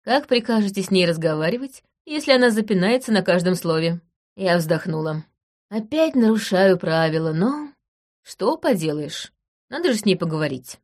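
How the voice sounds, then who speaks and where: A woman reading an audiobook in the first person, in a brisk, dry and commanding manner. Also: on the low side, expressive, a little mellow. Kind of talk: audiobook narration.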